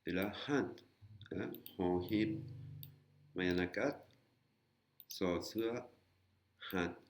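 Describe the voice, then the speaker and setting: A man with a very low voice teaches a beginner language lesson at an unhurried pace. He explains patiently, step by step, pausing and hesitating often as he goes. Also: vocal fry, slight background noise. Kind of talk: screen-recorded lesson.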